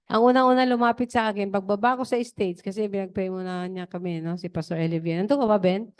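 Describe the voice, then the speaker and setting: A woman's voice: medium pitch, steady tone, fast, clear, resonant tone. A woman preacher giving a chatty, digressive testimony during a worship service.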